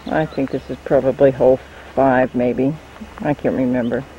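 A woman's voice: rumbling low, fairly even intonation, moderate pace, dark tone. Woman, old VHS camcorder tape, chatty home-video narration, muffled lo-fi sound, faint hiss. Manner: chatty, narrates what she is filming. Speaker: family member filming a home video. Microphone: built-in camcorder mic.

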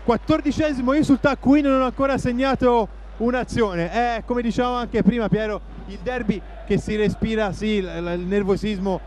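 A man's voice: very high voice, steady tone, normal speed, darkish tone. A man giving live play-by-play football commentary from a noisy stadium. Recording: noisy stadium broadcast with crowd. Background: stadium crowd noise.

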